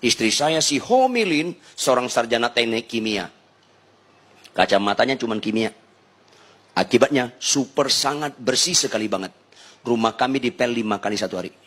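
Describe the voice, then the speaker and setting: A man from Indonesia preaching a humorous sermon to a live congregation, telling stories and bantering with the listeners. He swings between loud outbursts and quiet asides. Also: mid-range voice, moderate pace, breathy edge. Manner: lively storytelling, banters with the congregation.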